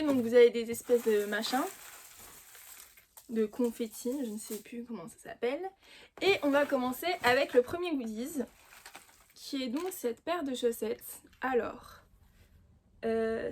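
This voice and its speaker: A woman with a high, light voice talks casually through a book-box unboxing for her channel. She chats freely and fills her pauses with hesitant little fillers. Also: a little hiss or hum. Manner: chatty, full of hesitant fillers. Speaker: booktube host.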